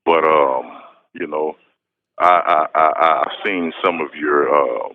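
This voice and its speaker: With a rumbling low voice, steady tone, and slow pace, a prisoner from west Texas shares a casual personal account. He's an interview guest calling in, heard over a muffled, noisy prison telephone line.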